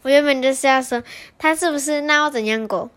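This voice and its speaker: High-voiced woman tossing quick jokes into a kids' story reading. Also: a bit bright. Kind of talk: casual chat.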